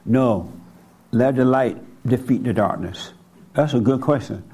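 A man's voice: mid-range voice, unhurried, dark tone, slightly rough. A man leading a group as a spiritual teacher, speaking bluntly and colloquially while taking questions. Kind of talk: informal teaching with audience questions.

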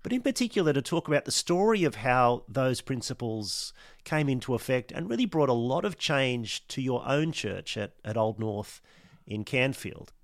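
A man's voice: mid-range voice, big pitch swings, moderate pace, no echo, clean studio sound. A man hosting a podcast, chatting in an easygoing way over a remote call, his voice slightly muffled from a cold. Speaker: podcast host. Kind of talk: casual conversation.

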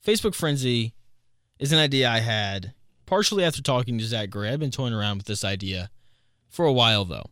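A man in his twenties talks through a casual solo podcast, clearly amused and breaking into laughs at his own stories. His voice sits at an ordinary middle pitch. The recording is close and dry, with no room sound. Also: expressive, brisk, fairly bright tone, no echo. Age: 20s. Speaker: podcast host.

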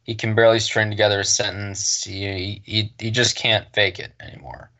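A man's voice: lowish voice, flat delivery, moderate pace, pushed and bright. A man co-hosting a casual political podcast, speaking bluntly with frequent restarts and fillers. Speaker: podcast co-host.

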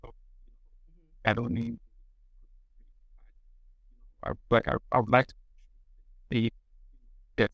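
A man, a podcast guest who speaks in a halting, thoughtful way with many restarts. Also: mid-range voice, flat delivery, creaky, no echo, rough recording. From Nigeria. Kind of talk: casual interview.

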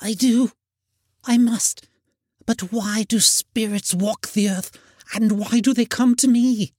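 Husky, querulous old miser. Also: male voice, high voice, steady tone, slow, darkish tone, pitched above the performer's own voice. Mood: terrified, pleading. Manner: querulous, pleading. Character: frightened, crotchety old male miser. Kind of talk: dramatized storybook reading.

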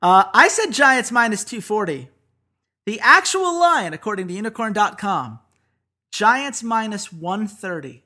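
A man's voice: high-pitched, big pitch swings, unhurried, pushed and bright. A man co-hosting a podcast in casual chat, upbeat and steering the segment from one betting line to the next. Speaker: podcast co-host.

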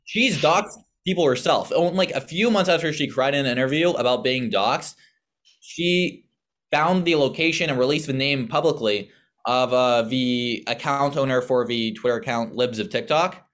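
A young man co-hosting a casual podcast, laying out background in a relaxed, explanatory way. He drops in dry, sarcastic asides. His voice sits at an ordinary middle pitch. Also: moderate pace. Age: young adult. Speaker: podcast co-host.

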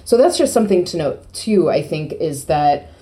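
A woman's voice: low-pitched, lively intonation, moderate pace, mellow, a little hiss or hum. A woman co-hosting a podcast, chatting in a rambling, playful way with many fillers. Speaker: podcast co-host, PR agency. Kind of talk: casual podcast chat.

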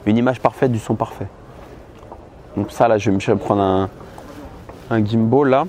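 A man in his thirties with a fairly low voice speaks candidly and bluntly, vlogging into a handheld camera outdoors. Clear traffic and street noise run under every word. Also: normal speed, dark tone. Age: 30s. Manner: candid, blunt, filler-heavy. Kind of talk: casual vlog monologue. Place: outdoors on a busy city street. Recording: noisy outdoor street recording. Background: traffic and street ambience.

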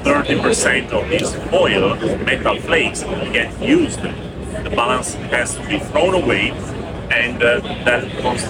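A man from Italy, explaining his product slowly with many pauses, heard as a low quality stream. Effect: low quality stream, muffled and distant. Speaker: guest, sales director. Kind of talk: explanatory trade interview. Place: trade show floor. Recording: distant lo-fi audio with loud trade-show noise.

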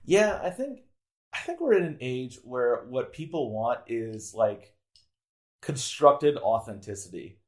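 A man in relaxed podcast conversation, rambling and self-interrupting with lots of filler words, candid and sometimes swearing. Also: mid-range voice, a little slow. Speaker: podcast guest. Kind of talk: casual conversation.

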